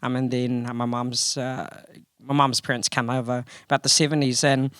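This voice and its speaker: Bright-voiced laughing New Zealand man. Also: medium pitch, moderate pace, clear, resonant tone, no room sound, studio quality. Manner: laughs often, relaxed storytelling with fillers. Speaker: guest co-host. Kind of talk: casual podcast chat.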